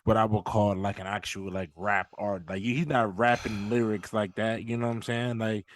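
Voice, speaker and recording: A man's voice: on the low side, fairly even intonation, moderate pace, dry recording. A young man co-hosting a casual podcast, talking emphatically with lots of filler and cutting in to argue. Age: young adult. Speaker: podcast co-host. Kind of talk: casual chat.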